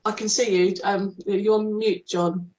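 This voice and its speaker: A woman's voice: medium pitch, steady tone, unhurried, a little mellow. Woman chairing over a video call. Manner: reads procedure aloud with hesitant ums. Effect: heard over a video call. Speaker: committee chair. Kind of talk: formal meeting procedure. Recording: dull lo-fi video call audio.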